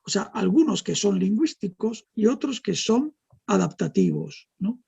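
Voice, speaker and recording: A middle-aged man from Argentina with an Argentine accent softened by years in Spain, explaining things in a measured way and often adding tag questions as an interview guest. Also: high voice, very animated, vocal fry, breathy edge. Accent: Argentine, softened by decades in Spain. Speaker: guest neurologist. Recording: dull, muffled audio.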